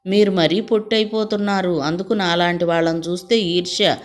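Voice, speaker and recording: A gentle youngest daughter, quick with a reply yet soft and peacemaking, as a woman narrator puts her on. The voice is lowish and close to plain reading. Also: steady tone, natural voice. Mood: teasing. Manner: soft, pleading, teasing.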